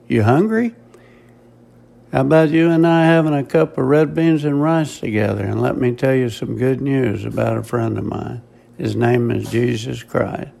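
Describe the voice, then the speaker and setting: A man with a heavily gravelly, creaky voice reads a personal faith testimony. He takes his time, measured and plain-spoken, at a very unhurried pace. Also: mid-range voice, darkish tone.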